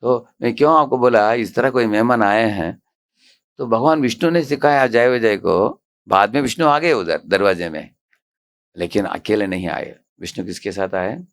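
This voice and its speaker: A man's voice: on the low side, moderate pace. A man who is a monk and temple president, giving a devotional storytelling lecture. He acts out the dialogue and puts questions to the audience. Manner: animated, acts out quoted dialogue.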